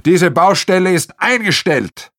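A man's voice: mid-range voice, expressive, normal speed, a bit bright, lightly acted. A man playing a firm, self-assured investigator who gives curt commands. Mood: stern.

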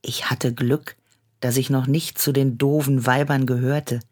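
A woman's voice: very deep voice, level tone, unhurried, darkish tone. A woman reading a story aloud in an intimate manner, often dropping into a whisper. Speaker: story reader. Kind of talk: storytelling narration.

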